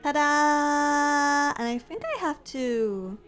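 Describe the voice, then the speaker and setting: In an unhurried, medium-pitched voice, a female streamer and VTuber rambles to her viewers during a casual gaming stream, frequently repeating herself. Faint music plays behind her.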